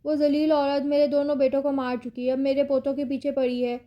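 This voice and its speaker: A woman's voice: sits high, completely flat delivery, muffled recording, natural voice. A woman voicing an elderly grandmother who speaks in a commanding, protective manner. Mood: angry.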